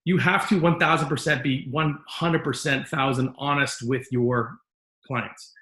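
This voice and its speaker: A man's voice: mid-range voice, steady tone, unhurried, a bit bright, reverberant, poor audio. A man hosting a podcast interview, talking in an earnest, rambling, encouraging way. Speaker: podcast host. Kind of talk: casual interview talk.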